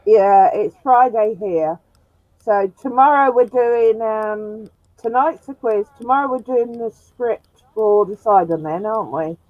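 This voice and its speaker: Hosting a sci-fi live stream from a room with a glass roof, this woman talks in an unhurried, higher voice, chatting casually and laughing a lot. The recording is dry, dull and lo-fi.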